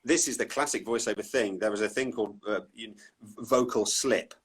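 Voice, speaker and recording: Husky Southeast English man, animated. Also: fairly low pitch, fairly quick. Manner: animated, self-deprecating, many restarts. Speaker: voice-over artist, guest. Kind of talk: casual interview chat. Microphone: Instagram live call.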